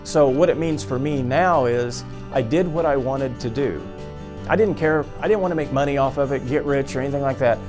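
Talking a little fast at medium pitch, this American radio host in his fifties looks back on his story in interview style. Plucked guitar music plays in the background of the small radio studio office where he sits.

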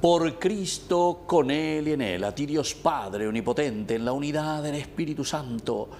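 Solemn Paraguayan priest at Mass. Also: male voice, fairly high pitch, expressive, a little mellow, slight background noise. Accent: Paraguayan Spanish. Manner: solemn, measured, drawn-out phrasing. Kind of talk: liturgical recitation at Mass. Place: small indoor chapel. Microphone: fixed camera at the altar.

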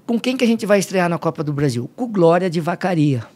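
Fast-talking and slightly high-voiced, this middle-aged podcast guest works as a fitness coach and comes from Limeira, São Paulo state, Brazil. He tells stories lively in a casual interview, acting out what people said.

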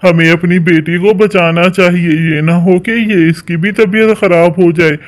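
A man's voice: high voice, steady tone, a little slow. A man voicing an anxious father bird in a cartoon, urging his family to flee in a pressing voice. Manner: urgent, commanding.

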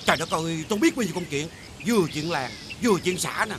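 A man's voice: fairly high pitch, animated, quick pace, fairly bright tone, a little hiss or hum. A man voicing a scheming middle-aged village chief in a cartoon, grumbling. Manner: grumbling, sly.

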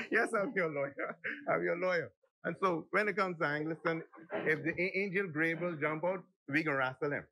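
Husky, forceful Bahamian man. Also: poor audio. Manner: heated, folksy, rambling, swings up and down in pitch. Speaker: member of parliament. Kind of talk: impassioned parliamentary speech. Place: legislative chamber.

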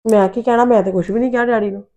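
A woman's voice: fairly high pitch, steady tone, rapid-fire, mellow, close to an everyday voice. A woman playing a pleading young daughter-in-law. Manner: placating, pleading. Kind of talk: family comedy skit.

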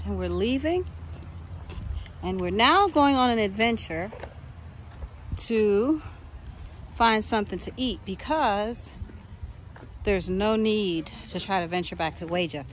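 A woman's voice: mid-range voice, lively intonation, slow, long pauses, a little hiss or hum, low-quality recording. A woman hosting a travel vlog outdoors, talking casually and exclaiming with enthusiasm as she tours a farm. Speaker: travel vlogger and tour host. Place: outdoors on a farm and garden tour. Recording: music playing under the voice.

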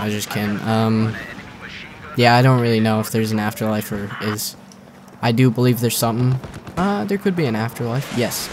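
Slow-talking young man joking over gameplay. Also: lowish voice. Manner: joking, rambling, sarcastic. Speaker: gameplay commentator. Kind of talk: casual gameplay commentary. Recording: faint gunfire and game noise behind.

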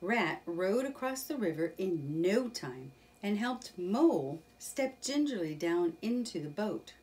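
A woman reading a children's storybook aloud in a slow, expressive storytelling voice. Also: fairly low pitch, far from the mic. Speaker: children's book reader. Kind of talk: storybook read-aloud narration.

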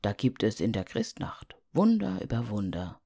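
A woman voicing a jolly, kindly snowman come to life in a fairy tale, speaking low and friendly. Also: huge pitch swings, moderate pace, gravelly, warm tone, breathy edge, heavily acted.

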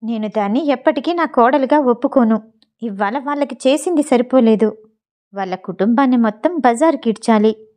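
A woman's voice: fairly high pitch, moderate pace, darkish tone, natural voice. A woman reading as a furious, ranting rich mother. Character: furious scheming wealthy mother, middle-aged woman.

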